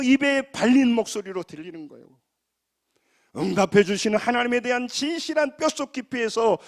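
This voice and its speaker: Lively high-voiced Jeolla-accented pastor. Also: male voice. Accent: Jeolla Korean. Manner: emphatic, folksy, asks the congregation to repeat after him. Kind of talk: sermon.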